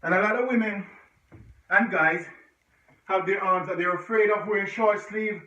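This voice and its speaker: A fitness instructor with a high, pushed, bright voice speaks at normal speed with fairly even intonation while leading a home workout. He's chatty and encouraging, though sometimes out of breath and grunting between sets. The echoey room is picked up by a mic that is far from dull.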